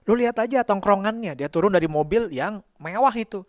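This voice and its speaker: A brash teenage schoolboy showing off to his mates in quick slang, his voice pushed up higher than a grown man's talk, as a preacher acts him out. The sound is dry and close. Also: animated, darkish tone, dry recording. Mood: boastful. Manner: boastful, slangy street talk. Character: cocky teenage schoolboy bragging to his friends.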